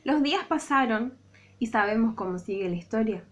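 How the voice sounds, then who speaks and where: Expressive Rioplatense woman telling a Bible story. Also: fairly high pitch, faint music behind. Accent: Rioplatense Spanish. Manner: expressive, slow and dramatic. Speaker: Sunday school teacher.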